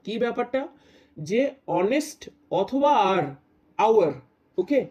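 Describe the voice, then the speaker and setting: A man teaching a grammar lesson, explaining step by step, reading examples out slowly and often asking his students whether it is clear. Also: very high voice, expressive, darkish tone, highs cut off. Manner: explains step by step, checks in with "right?"; reads English examples slowly.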